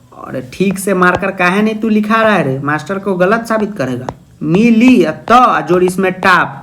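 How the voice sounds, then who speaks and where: High-voiced playful Sanskrit tutor. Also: male voice, a bit bright, slight background noise. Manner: playful, jokey, asks questions then answers in a student's voice. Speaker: Sanskrit teacher. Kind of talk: exam-prep video lesson.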